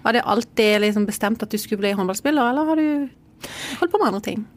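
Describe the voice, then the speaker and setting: A woman's voice: on the high side, expressive. A woman co-hosting a podcast, asking questions in a casual way with brief hesitations. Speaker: podcast co-host. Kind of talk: casual interview chat.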